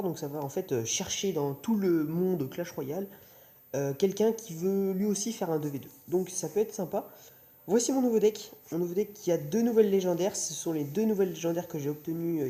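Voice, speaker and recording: Dark-voiced young man, sore after wisdom teeth surgery. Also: high-pitched. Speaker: gaming video host. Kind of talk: casual game commentary. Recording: music playing behind the voice. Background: music.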